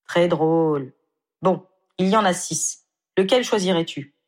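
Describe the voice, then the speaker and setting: A woman's voice: lowish voice, measured pace, close to an everyday voice. A woman reading aloud, voicing an earnest, slightly sheepish young man in a storybook.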